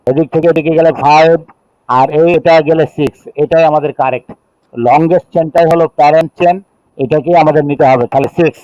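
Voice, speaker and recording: A middle-aged male teacher with a Bangladeshi accent and a slightly high speaking voice explains chemistry step by step. He counts aloud and checks in with his students. The recording is dry and dull, with a lo-fi tone. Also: steady tone, dark tone, no room sound. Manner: reads rules slowly in English, then explains in Bengali, counting aloud. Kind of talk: classroom lecture.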